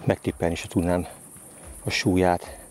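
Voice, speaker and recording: Deep-voiced man calling out at a river. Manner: excited exclamations while fighting a fish. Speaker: angler. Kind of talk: fishing vlog commentary. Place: outdoors by a river. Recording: outdoor noise with crickets and insects.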